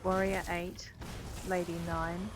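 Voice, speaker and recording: A woman's voice: on the low side, flat delivery, slow, background noise. A woman doing casual game playthrough commentary, musing aloud and reading game text as she goes. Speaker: gaming host.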